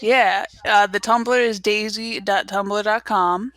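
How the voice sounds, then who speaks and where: A woman's voice: mid-range voice, fairly even intonation, takes it slowly, fairly bright tone, no room sound. A woman co-hosting a casual podcast chat, giggling often and rambling with fillers. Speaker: podcast co-host.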